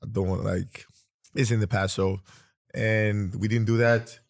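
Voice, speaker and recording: A man's voice: on the low side, fairly even intonation, a little slow, gravelly. A man from Greece hosting a casual interview, talking in rambling sentences that often restart. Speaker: podcast host.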